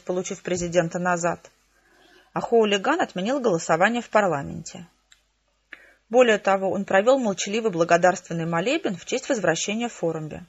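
Female audiobook narrator, husky, mid-pitched, muffled lo-fi audio. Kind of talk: first-person audiobook narration.

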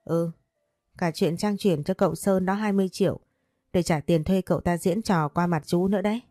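A woman's voice: on the low side, a little fast, mellow, no echo, studio quality, faint music behind, natural voice. A woman voicing a doting, possessive older man who speaks tenderly but bossily to his young lover in a storybook reading. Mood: scolding tenderly. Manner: tender, teasing, bossy.

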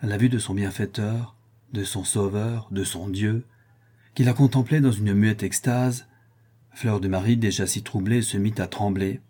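Low, husky man narrating. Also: steady tone, normal speed, mellow. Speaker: audiobook narrator. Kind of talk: scripted narration.

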